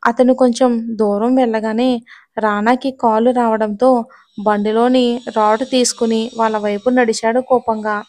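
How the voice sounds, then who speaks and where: A woman narrating a serialized audio story in a steady, measured way. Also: on the high side, no room sound.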